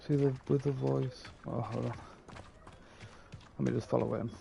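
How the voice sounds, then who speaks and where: Man gamer, casual commentary, creaky, rambling, faint noise. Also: mid-range voice, steady tone, normal speed, dark tone. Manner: hesitant, rambling.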